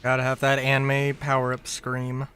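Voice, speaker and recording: A man's voice: medium pitch, completely flat delivery, normal speed, bright, forceful tone, clean tone. A man giving dry, wry, casual commentary on a game. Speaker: gamer commenting on game story.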